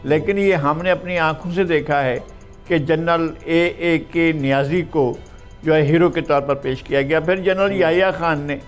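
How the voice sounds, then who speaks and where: An older man weighs in on a television panel. He speaks in a slightly raised voice and pauses often with long fillers. A faint music bed runs underneath. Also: on the high side, steady tone. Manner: measured, pausing with drawn-out fillers. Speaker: political commentator. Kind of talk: TV panel discussion.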